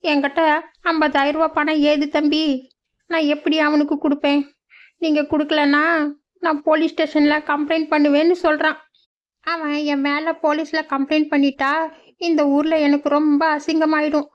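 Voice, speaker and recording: A woman's voice: high-pitched, little pitch movement, normal speed, pitched above the performer's own voice, close to an everyday voice. A woman voicing a worried older village mother in a cartoon, with a tearful, pleading manner. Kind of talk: cartoon voice acting. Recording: dull lo-fi sound.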